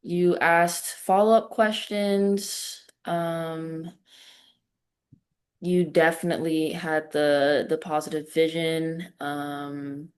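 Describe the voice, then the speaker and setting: A woman's voice: low voice, a little mellow. A young woman, a practice partner in a mentoring exercise, giving appreciative feedback with frequent fillers.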